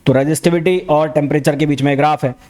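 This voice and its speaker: A man with an Indian accent teaching a fast revision physics lecture, talking quickly and repeating key terms back as questions. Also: a little high, steady tone, a little mellow. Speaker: physics educator.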